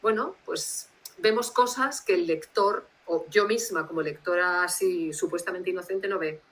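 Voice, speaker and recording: A woman translator, telling anecdotes in a lively way and acting out dialogue over a video call. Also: on the low side, normal speed, low-quality recording. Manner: lively anecdotal storyteller who acts out dialogue. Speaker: literary translator, guest. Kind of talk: casual storytelling interview.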